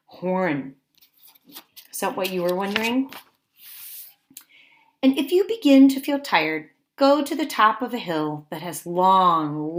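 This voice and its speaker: As a teacher, a woman reads a picture book aloud to young children at medium pitch, pausing to ask simple questions and throw in exclaiming asides.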